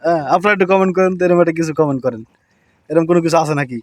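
A woman's voice: low voice, rapid-fire, darkish tone. A woman vlogger talking casually while she cooks at home. She chats with her viewers, asks them to comment, and plays along with a small child. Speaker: family vlogger. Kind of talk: casual home cooking vlog.

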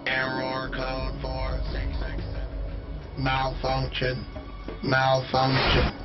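An actor voicing a malfunctioning male robot in a video game that repeats error codes in a flat, mechanical way. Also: medium pitch, slow, lightly acted. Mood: glitching. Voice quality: flat, monotone, repetitive. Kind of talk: video game enemy voice lines. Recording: dull lo-fi game audio with music behind.

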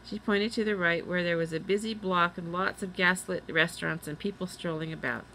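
Woman reading a kids chapter book aloud, lowish voice, steady, faint hiss behind. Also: brisk, poor audio. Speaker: reader. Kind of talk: storybook read-aloud.

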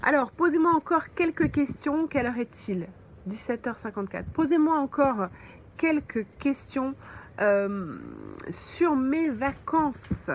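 A woman teaching French on a live stream, slowly answering viewers' comments with frequent pauses and fillers, from a holiday mobile home. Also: high-pitched, expressive, a little hiss or hum. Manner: slow, patient, thinks aloud with many fillers.

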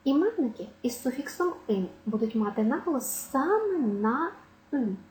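A woman teaching a language lesson, clearly stressing syllables as she explains word stress. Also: high-pitched, big pitch swings, moderate pace, darkish tone, rough recording. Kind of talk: exam-prep lesson.

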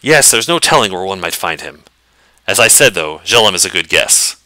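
A raspy knight lord of a fantasy game, as a man reads him out. He speaks with formal, archaic courtesy. The voice is low and bright, recorded close and dry. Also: big pitch swings, moderate pace, no room sound, heavily acted, poor audio. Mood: courteous. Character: muscular male knight, lord of a castle.

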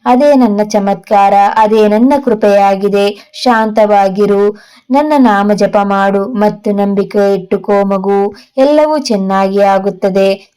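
This is a woman delivering a devotional message, speaking slowly and gently in a divine first-person voice. Her voice is warm, mellow and smoothly resonant, and she soothingly calls the listener her child. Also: mid-range voice, low-quality recording. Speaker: devotional tarot channel host.

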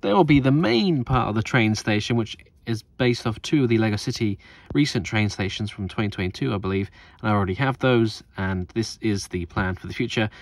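A medium-pitched male voice, free of echo, belongs to a Lego builder who hosts his own channel. He keeps up a chatty, upbeat running commentary over the build footage, thinking through each step out loud.

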